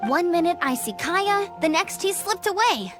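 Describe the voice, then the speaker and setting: In this game cutscene dub, a woman with a very high, animated voice plays a cheerful, friendly young female scout at a moderate pace. Her delivery is upbeat and friendly, and music plays behind her.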